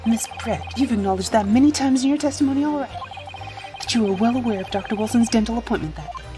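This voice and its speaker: A woman's voice: fairly high pitch, fast, over music, natural voice. A woman voicing an earnest young male defense lawyer in a fan game dub, stammering and urgent.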